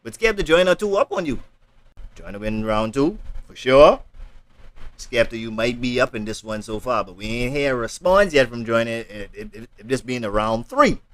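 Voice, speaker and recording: A man giving casual, jokey reaction commentary, talking back to a song and now and then yelping into high voices. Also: moderate pace, no echo. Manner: animated, jokey, yelps into high put-on voices.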